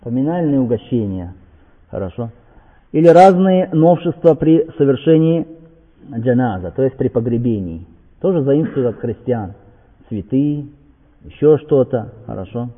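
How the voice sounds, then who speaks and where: A man's voice: medium pitch, expressive, moderate pace. Man preaching over a tinny, echoey line. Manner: asks rhetorical questions and checks in with 'okay?'; quotes passages in Arabic, then explains them. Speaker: Islamic preacher. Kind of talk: religious lecture. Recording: tinny lo-fi sound with long hall reverb.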